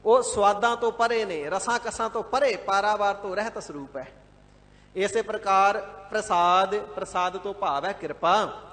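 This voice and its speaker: High-voiced man expounding scripture in a hall. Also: fairly bright tone. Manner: devout, measured, repeats and glosses words, sometimes chants verses. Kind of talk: line-by-line scripture exposition sermon. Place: large gurdwara hall.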